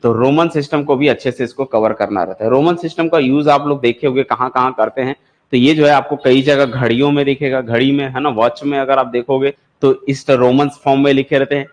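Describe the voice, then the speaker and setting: A male maths teacher walks through number systems at a steady, middle pitch. He keeps quizzing his students and answers each question himself. His delivery is a plain, patient classroom lecture. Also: a little fast. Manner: explains step by step, quizzing students with repeated questions. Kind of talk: classroom lecture for exam prep.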